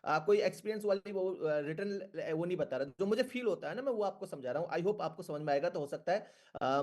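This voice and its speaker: A man's voice: high-pitched, darkish tone. A man giving an earnest motivational talk to an online meeting, coaxing his listeners and checking that they follow along. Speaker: network marketing speaker.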